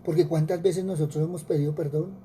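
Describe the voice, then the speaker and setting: Dark-voiced Colombian preacher. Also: male voice, a little high, fairly even intonation, fast talker, a little hiss or hum. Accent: Colombian Spanish. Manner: earnest preaching with repetitions and rhetorical questions. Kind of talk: sermon.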